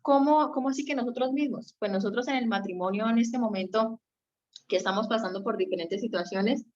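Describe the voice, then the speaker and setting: Talking a little fast with a voice on the high side, the young Colombian guest teaches conversationally on a marriage radio segment. She explains as she goes and checks that listeners agree, and the recording sounds slightly dull and lo-fi.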